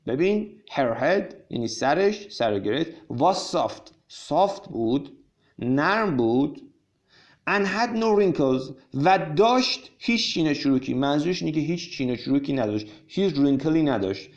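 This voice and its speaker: A man with a slightly raised, very animated voice leads a vocabulary lesson. He slows down for every English sentence and speeds up for his explanations, talking straight to his students. The recording sounds muffled and lo-fi. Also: a little high. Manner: reads English lines slowly, then explains in quick Persian; addresses students directly. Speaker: English teacher. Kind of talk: vocabulary lesson, reading and translating a story.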